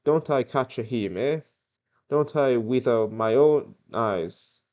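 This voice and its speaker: A man voicing an excitable male Italian immigrant laborer with a put-on Italian accent and broken English. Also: mid-range voice, slow pace, muffled recording, voice pushed up, lightly acted. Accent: mock Italian, broken English.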